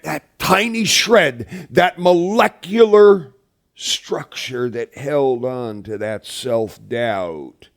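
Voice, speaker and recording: A man who teaches wilderness classes recounting a personal spiritual experience, slow and emphatic, rising to loud peaks then sinking low. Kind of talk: spoken personal recollection.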